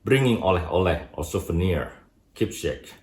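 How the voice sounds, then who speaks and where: Very deep-voiced Indonesian-accented man. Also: animated, moderate pace, a little mellow. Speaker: YouTube host. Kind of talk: scripted advice video narration. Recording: roomy indoor echo.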